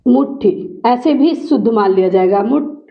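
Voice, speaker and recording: A woman teacher with a high voice walks her students through spelling and pronunciation. She says each word again and again, slowly and deliberately. The recording sounds dull and lo-fi. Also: animated. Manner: repeats words slowly to drill pronunciation. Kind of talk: spoken grammar lesson.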